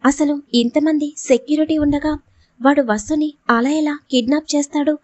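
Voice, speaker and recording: A woman's voice: sits high, steady tone, normal speed, darkish tone, no echo, lightly acted. A woman reading the lines of a frightened young woman who presses with anxious, pleading questions in an audio storybook.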